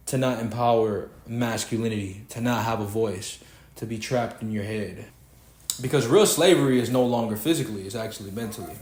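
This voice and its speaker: Swearing freely, a young Houston podcast host goes on a preachy, emphatic, casual rant. His voice is mid-range and a little mellow, and the room he's in is echoey.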